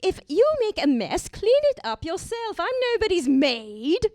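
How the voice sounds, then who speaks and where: A woman playing an indignant, sharp-tongued maiden outlaw in a comic radio play. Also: extremely high pitch, very animated, unhurried, no echo, studio quality, full character voice. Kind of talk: radio-play comedy acting.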